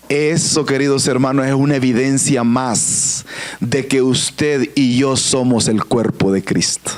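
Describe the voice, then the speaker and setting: A male pastor delivers a sermon to his church, acting out quoted voices and putting questions to the congregation. His voice sits high and swings widely in pitch, rising and dropping for effect.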